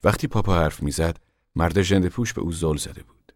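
Man, audiobook narrator, calm measured telling, deep voice, dry close sound. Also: dry recording.

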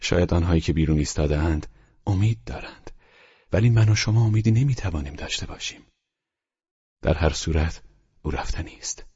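A man doing a calm older doctor in a storybook reading, speaking in a husky hush that keeps slipping into whispers. The voice sits very deep, and the recording sounds dull and lo-fi. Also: pauses often. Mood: hushed, tender. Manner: soft, hushed, often whispered.

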